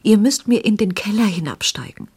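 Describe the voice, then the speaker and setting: A frail, feverish young woman, as the reader of a radio story puts her on pleads in a hurried, hushed voice. The voice sits higher than the reader's own and sounds breathy and husky. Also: expressive. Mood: urgent whisper. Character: feverish sick young woman, urgent and weak.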